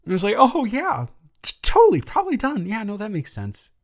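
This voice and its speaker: In an improvised audio roleplay, a man with a high-pitched voice plays a flustered, goofy roommate confessing love to a friend. He rambles casually and haltingly, stammering, animated and jokey, sounding incredulous and excited.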